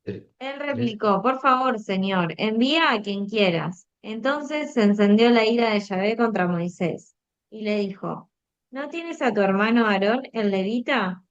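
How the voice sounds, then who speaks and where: A woman's voice: mid-range voice, lively intonation, unhurried, highs cut off. A woman reading scripture aloud steadily and carefully, away from the microphone. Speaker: scripture reader.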